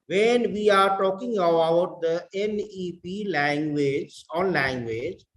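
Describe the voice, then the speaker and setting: A middle-aged professor from India, speaking with an Indian English accent, delivers a deliberate lecture to fellow educators, repeating words and mixing in Hindi. His voice is high, and the audio is poor with a roomy sound.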